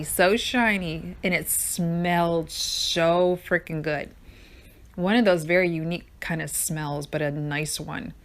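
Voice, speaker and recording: An older woman with a somewhat low voice hosts her own podcast. She talks off the cuff, wandering from one thought to the next in a chatty way. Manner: rambling, digressive, chatty. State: out of breath. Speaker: podcast host. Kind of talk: casual improvised monologue.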